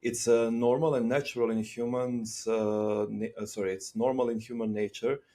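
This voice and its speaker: A man from Serbia talking in a relaxed podcast conversation, thinking aloud with fillers and restarts. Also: medium pitch, moderate pace. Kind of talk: casual conversation.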